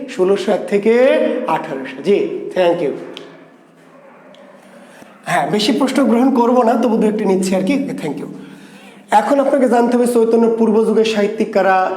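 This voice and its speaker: A man teaching an exam prep class online, who repeats key terms slowly and asks and answers his own questions. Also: high-pitched, warm tone, reverberant.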